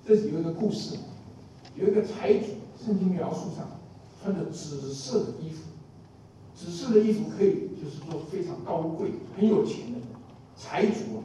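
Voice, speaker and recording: A man's voice: fairly high pitch, dark tone, a little hiss or hum. A man preaching a sermon in a folksy way, asking the listeners questions and repeating his phrases. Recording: echoey room from a distant mic.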